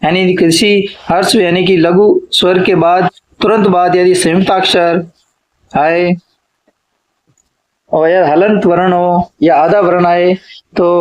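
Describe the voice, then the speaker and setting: A man teaching an exam-prep lecture, stating each rule and then repeating it slowly, as if dictating notes. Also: high voice, a little mellow, rough recording. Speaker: Hindi literature teacher.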